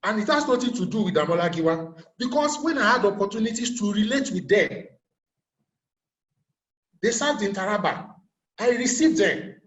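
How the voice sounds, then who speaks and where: A man's voice: high-pitched, lively intonation, normal speed, a bit bright, reverberant, rough recording. A middle-aged Nigerian man giving a career talk, telling stories and asking his audience rhetorical questions. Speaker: motivational speaker.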